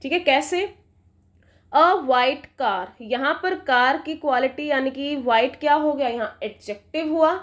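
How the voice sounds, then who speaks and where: A woman teaching grammar, explaining step by step in Hindi mixed with words and often asking her students whether it is clear. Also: sits high, normal speed, few pauses. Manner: checks understanding with frequent questions. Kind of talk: classroom explanation.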